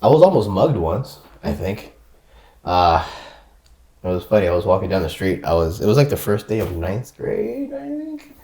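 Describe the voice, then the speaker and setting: A man's voice: lowish voice, huge pitch swings, moderate pace, vocal fry, a little mellow. A man guest on a podcast, telling a story in casual slangy chat and laughing along. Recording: echoey room.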